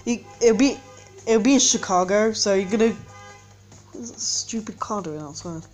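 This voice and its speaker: A woman's voice: medium pitch, normal speed, a little mellow, faint music behind. A woman hosting a game channel, giving casual gameplay commentary indoors at home, rambling with frequent hesitations and self-corrections. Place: indoors at home, street outside.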